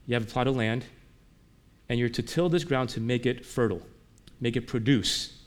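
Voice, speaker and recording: A man preaching a sermon in a conversational way, moving between emphatic lines and quiet ones, often asking his listeners rhetorical questions. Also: mid-range voice, steady tone, normal speed. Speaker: pastor.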